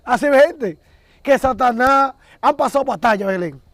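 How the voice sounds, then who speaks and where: High-voiced man preaching. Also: animated, moderate pace, a bit bright, no echo. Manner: retells scripture as a story, addressing his co-host. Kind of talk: conversational preaching.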